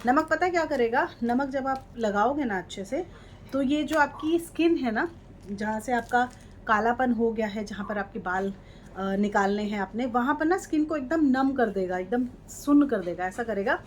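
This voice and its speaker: A woman's voice: a little high, animated, normal speed. A woman chatting casually through a home beauty remedy, often checking in the viewer. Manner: chatty, repeats "ठीक है" and "ये देखो". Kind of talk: casual how-to demonstration. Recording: light background noise.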